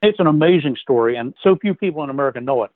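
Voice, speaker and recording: Historian from West Virginia on a tinny line. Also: male voice, mid-range voice, animated, no echo. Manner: measured, explanatory storytelling. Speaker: guest historian. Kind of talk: history interview storytelling. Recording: tinny phone-like line, dry.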